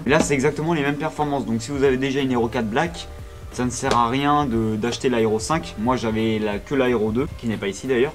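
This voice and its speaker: Chatty young man unboxing gear. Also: medium pitch. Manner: chatty, with many fillers and sudden excited outbursts. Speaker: vlogger. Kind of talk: casual unboxing vlog.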